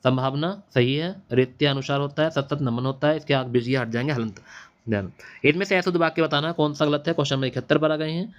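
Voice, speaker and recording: A man's voice: a little high, fast, lo-fi sound. Male exam-prep teacher, repetitive drilling delivery with a faint machine hiss in the background. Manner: repetitive, drilling answers with quiz-back questions. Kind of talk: exam-prep Hindi lesson. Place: classroom or home studio at night. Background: faint hiss of a machine running nearby.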